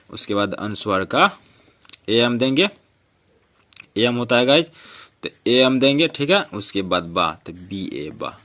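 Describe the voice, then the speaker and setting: A man teaching a spelling lesson, slowly drawing out syllables, repeating words and often calling out to his viewers. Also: lowish voice, a bit bright. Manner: drawn-out syllables, repeats and addresses viewers as guys.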